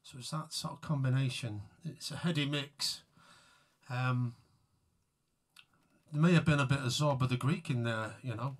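A man's voice: mid-range voice, moderate pace. A man chatting casually to live viewers between songs, rambling and self-mocking as he greets people by name. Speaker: musician hosting a live tribute stream.

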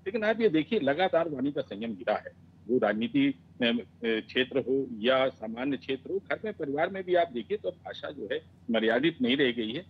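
A man's voice: medium pitch, animated, normal speed, breathy edge, dull audio. A man on a televised debate panel, speaking reflectively and quoting an old Sanskrit maxim.

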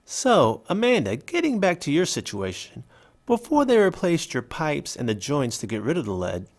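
Reading the English voice-over for a signing speaker, this man delivers a conversational script in a heavily acted way. His fairly high voice has huge pitch swings and a moderate pace.

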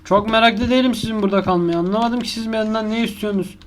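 With slight background noise, a man whose voice sits high talks fast during live horror gameplay commentary on YouTube. He swears all the time, yelps when startled, and argues with the monster in a crude manner.

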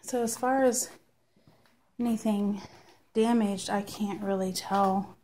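A woman talks slowly and hesitantly as she walks through a basement, filming on a phone. She thinks aloud and clears her throat often. Faint handling noise and clicks sit under her voice. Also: mid-range voice, fairly even intonation, mellow. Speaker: property inspector. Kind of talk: casual walkthrough narration. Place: damp basement, indoors. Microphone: phone camera held while walking.

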